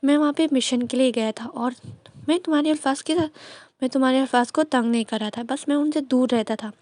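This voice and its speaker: A woman voicing a calm, protective older twin brother who reassures and explains. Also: sits high, fairly quick, dry recording, natural voice. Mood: soothing. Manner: soothing, reassuring.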